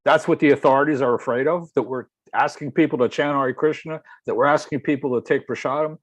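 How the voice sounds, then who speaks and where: A man's voice: medium pitch, fast, no room sound. Insistent man, dry close sound. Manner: insistent, rhetorical questioning. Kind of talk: religious discussion on a video call.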